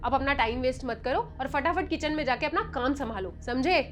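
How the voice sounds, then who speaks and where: A woman's voice: high voice, a little fast, fairly bright tone. A young woman playing a rude, bossy daughter-in-law who insults and orders her in-laws around in a family skit. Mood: contemptuous. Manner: insulting, commanding.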